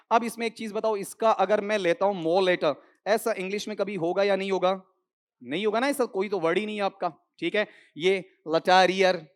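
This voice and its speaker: A man runs a classroom lesson on English grammar for an exam. He keeps firing questions at his students, repeats the key words, and calls them "sahab" and "beta" as he talks. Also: high voice. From India. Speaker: English teacher. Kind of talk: exam-prep classroom lecture.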